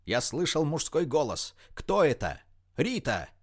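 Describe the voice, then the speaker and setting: A jealous, bossy older man yells in a strained, raised voice, as a male narrator puts him on. His pitch jumps well above the reader's own and leaps around, loud and commanding. Audiobook character work. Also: big pitch swings, unhurried, full character voice. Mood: suspicious. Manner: shrill, commanding shouting.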